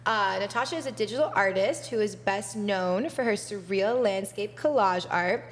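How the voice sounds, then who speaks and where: A woman's voice: medium pitch, normal speed, big-room sound. A young woman co-hosting a podcast in a casual chat, playful and laughing often. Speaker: podcast co-host.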